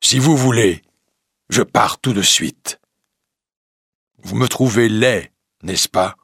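A man voicing a gentle, lonely male beast in a storybook reading, speaking slowly and earnestly. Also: on the low side, creaky, slightly rough, dry recording, clean studio sound, exaggerated voice. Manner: slow, earnest, pleading delivery.

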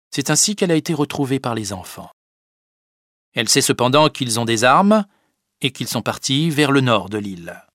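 A man narrating a children's adventure story in a clear, measured storytelling manner. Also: medium pitch, fairly bright tone, no room sound, clean studio sound.

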